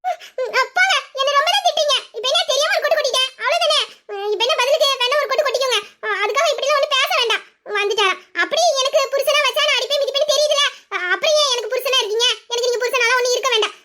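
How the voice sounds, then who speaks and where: A mischievous young wife in an audio drama, played by a woman, chatty and boastful. Her voice sits very high, and she rattles along quickly. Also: heavy background noise. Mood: pouty. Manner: chatty and boastful, dropping to a hushed scheming tone. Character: playful, mischievous young wife named Ruby. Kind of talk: Tamil audio drama acting.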